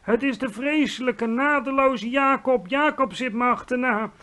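A man's voice: very high-pitched, flat delivery, extremely slow, pushed and bright, voice pushed up, exaggerated voice. A man voicing a huge brutish child-eating giant, screeching and pleading in panic, in a storybook read-aloud.

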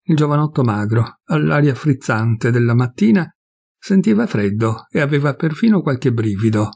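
A man reading a classic short story aloud in a measured, expressive way. His mid-range voice has a gravelly texture. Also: medium pitch. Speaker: audiobook reader. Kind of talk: literary audiobook narration.

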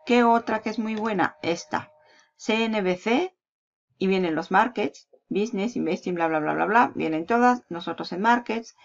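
A woman with a gravelly, creaky edge to her voice guides viewers through a screen-recorded marketing tutorial. She talks casually, pointing things out as she scrolls and waving off details. The audio is dull and lo-fi. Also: mid-range voice, normal speed. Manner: casual, walks through search results, trails off with "bla, bla".

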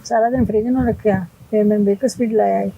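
A woman's voice: mid-range voice, fairly even intonation, quick pace, vocal fry, warm tone, breathy edge, muffled recording. An older woman, telling her story plainly in an interview. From Punjab. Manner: plain storytelling, retelling others' words. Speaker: interview guest. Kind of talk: emotional interview.

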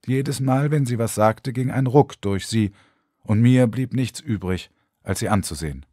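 A man narrating an audiobook in a lively, expressive storytelling manner. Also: medium pitch, a little slow, husky, dry recording, clean studio sound. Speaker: audiobook reader.

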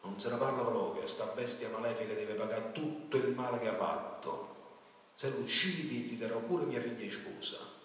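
A man voicing a proud, stubborn old king who speaks loudly, in a story read aloud in an echoey hall. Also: mid-range voice, moderate pace, recorded from a distance, slight background noise, voice pushed up, lightly acted. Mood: insistent.

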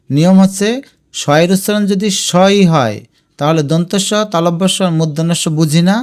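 Male tutor, exam-prep lesson, a touch high-pitched, stretches example words out slowly. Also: darkish tone. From Bangladesh. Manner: slow, drawn-out spelling of example words. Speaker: teacher.

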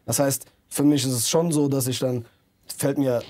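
A man's voice: mid-range voice, fairly even intonation, moderate pace, mellow. A man in his thirties, a rapper guest in a casual studio interview, talking earnestly with many fillers and restarts. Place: music recording studio. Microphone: handheld mic held by interviewer.

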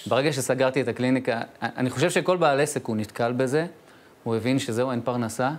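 A man, a speech therapist guest, casually recounting his experience with frequent filler pauses. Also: mid-range voice. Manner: storytelling with frequent hesitations. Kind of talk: casual studio chat.

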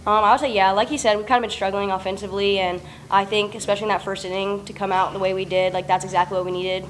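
A young woman, a college softball player, answering postgame questions in a chatty, casual way. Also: mid-range voice, little pitch movement, very fast, a little hiss or hum. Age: young adult. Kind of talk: postgame press conference answers. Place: press conference room, indoors. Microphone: table microphone.

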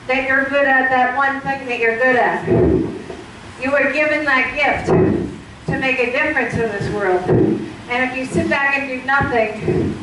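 A woman cycling hard as she leads a spin class, out of breath, giving motivational talk in short bursts. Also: high-pitched. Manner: exerting herself, speaking in short bursts while cycling hard. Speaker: indoor cycling instructor. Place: large indoor fitness studio, on a spin bike. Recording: echoey, noisy gym, far from camera.

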